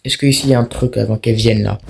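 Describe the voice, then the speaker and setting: A man's voice: medium pitch, steady tone, rapid-fire, creaky, a little mellow, husky. A young man giving casual let's-play commentary on a horror game, talking to himself and his viewers in a jumpy, restless way. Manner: jumpy, talks to himself and viewers while playing. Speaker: gaming YouTuber.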